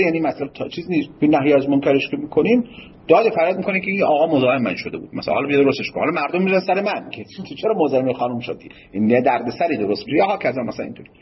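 A man's voice: fairly high pitch, highs cut off, slight background noise. A man teaching Islamic jurisprudence in a seminary lecture, discursive, telling anecdotes with polite, formal turns of phrase.

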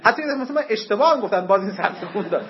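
A man's voice: sits high, animated. A man teaching a seminary class on Islamic law, emphatic, with joking asides to his students. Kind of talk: classroom lecture on Islamic jurisprudence. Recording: dull lo-fi classroom recording.

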